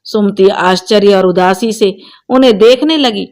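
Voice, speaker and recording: A woman's voice: medium pitch, measured pace. A woman host narrating a family story, acting out each character. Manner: expressive, acts out every character.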